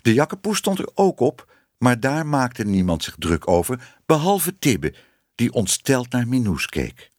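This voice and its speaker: Male audiobook narrator, very animated pitch, dry close recording. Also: measured pace, dry recording. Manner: expressive storytelling voice. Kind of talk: audiobook reading of a children's story.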